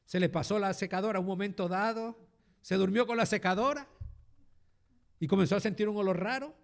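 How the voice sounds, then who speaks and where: A male pastor delivers a sermon in a notably high voice. He sprinkles asides to the congregation throughout and keeps asking them rhetorical questions. His delivery swings from loud emphasis to soft, low phrases. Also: a little fast, creaky. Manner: peppers speech with "amén" and "hermano" asides.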